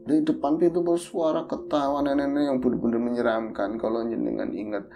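A man, a podcast host casually retelling a horror story in a vivid, animated way. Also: medium pitch, quick pace, a little hiss or hum.

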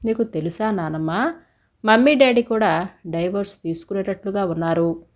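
A woman's voice: mid-range voice, moderate pace, close to an everyday voice. A woman voicing a young boy grandson in a storybook, sobbing and pleading as he talks. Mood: upset. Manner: sobbing, pleading child talk.

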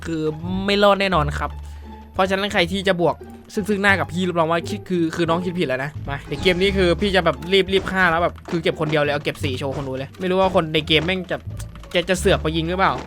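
A man giving excited, brash gameplay commentary, trash-talking opponents and repeating phrases. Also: on the high side, fast talker, music in the background. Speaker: gaming streamer.

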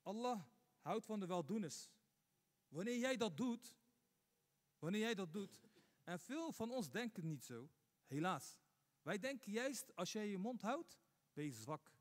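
A man's voice: high-pitched, very animated, a little slow, pauses often. A man giving a Friday sermon as imam, asking rhetorical questions and repeating points for emphasis. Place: mosque. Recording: long hall reverb.

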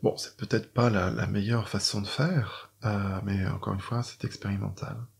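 French guy, middle-aged, low gravelly voice, lots of euhs and restarts, explaining poetry rules. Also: fairly even intonation, moderate pace. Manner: hesitant, many fillers and restarts. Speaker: doctor and poet. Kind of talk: explaining poetry writing to viewers.

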